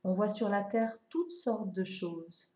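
A woman voicing a patient, wistful fox who explains things calmly and reflectively. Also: medium pitch, slow, reverberant, natural voice.

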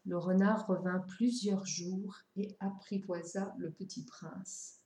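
A woman reading a storybook aloud in a measured, gentle storytelling manner. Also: mid-range voice, fairly even intonation, roomy sound.

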